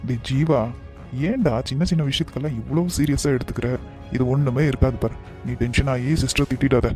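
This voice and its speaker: A man voicing a calm young friend in a cartoon, gently talking a buddy out of his anger. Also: medium pitch, brisk, soft background music, close to an everyday voice. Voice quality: soothing, persuasive.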